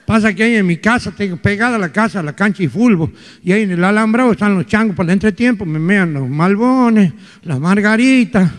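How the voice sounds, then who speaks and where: A man voicing a cheeky, mischievous old grandmother in a slow, drawling voice during a live stand-up set. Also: sits high, expressive, pitched below the performer's own voice. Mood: scheming. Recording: live stage with long hall reverb.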